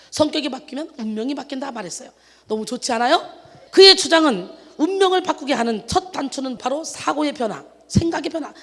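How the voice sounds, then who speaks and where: Fast high-voiced woman preaching. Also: big-room sound. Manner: emphatic, with hallelujah exclamations and rhetorical questions. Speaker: pastor. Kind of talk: sermon.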